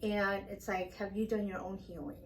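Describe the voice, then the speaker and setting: A woman therapist joins a casual talk as a guest and speaks earnestly, repeating her points for emphasis. Her voice sits at a middle pitch and comes from a little away from the mic, with faint noise behind it. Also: level tone, moderate pace, far from the mic, poor audio. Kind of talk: casual conversation.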